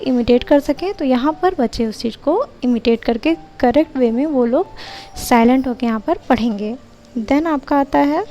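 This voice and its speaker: A woman's voice: sits high, mellow. A woman tutor methodically walking trainee teachers through a lesson plan. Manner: methodical, steps read out in a measured way.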